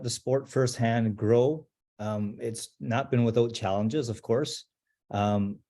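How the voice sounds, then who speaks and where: A man from Portugal, head of a junior soccer association, speaking haltingly over a video call and often restarting his sentences. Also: medium pitch, mellow. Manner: halting, searching for words, frequent restarts.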